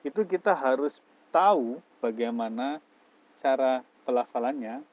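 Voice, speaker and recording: A man's voice: medium pitch, animated, a little slow, highs cut off. A man teaching English, explaining step by step and mixing English phrases into his lecture. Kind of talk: classroom lecture.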